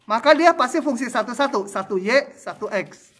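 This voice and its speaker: A man's voice: very high voice, animated, a bit bright. A male lecturer giving a university math tutorial, drawing graphs while he explains and quizzing students with short questions. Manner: slow, thinking aloud with fillers.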